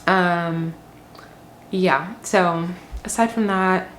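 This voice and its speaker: A woman's voice: on the low side, fairly even intonation, drawn-out words, fairly bright tone, slight background noise. A young woman giving a casual pregnancy update, rambling and chatty with many fillers and a little short of breath. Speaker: vlogger. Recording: echoey room with faint ambience.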